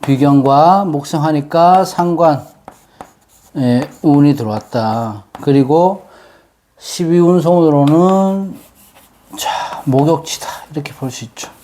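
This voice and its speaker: A man giving an unscripted explanatory lecture, haltingly, his articulation slightly slurred and tangled as if numb from the dentist. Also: fairly high pitch, dark tone. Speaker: fortune-telling lecturer.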